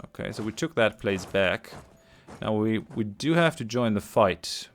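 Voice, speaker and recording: A let's-play host talks his way through a strategy game in casual commentary, his man's voice low-ish, expressive and unhurried. He thinks aloud, hesitating, filling pauses and restarting sentences as he grows tired, with faint music in the background.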